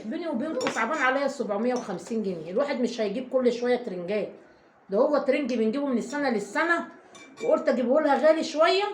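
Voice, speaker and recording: A woman with an Egyptian accent, a mother telling a long, rambling story to her viewers in a casual vlog, emphatic and full of oaths. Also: fairly high pitch. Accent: Egyptian Arabic. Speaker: family vlogger, mother. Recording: echoey room, faint background noise.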